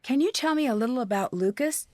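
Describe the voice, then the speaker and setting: High-voiced, inquisitive young woman detective. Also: lively intonation, fast, darkish tone, no room sound, studio quality. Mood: curious. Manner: earnest, polite, inquisitive. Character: inquisitive, polite young female amateur detective. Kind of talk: video game voice acting. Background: music.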